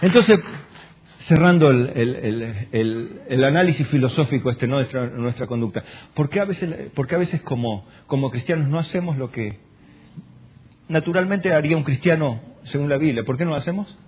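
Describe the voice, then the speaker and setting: A man with an Argentine Spanish accent preaching a sermon as a pastor, firing rhetorical questions at the congregation, rising to loud exclamations and dropping to soft prayer. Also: mid-range voice, expressive, moderate pace, lo-fi sound, a little hiss or hum. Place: church.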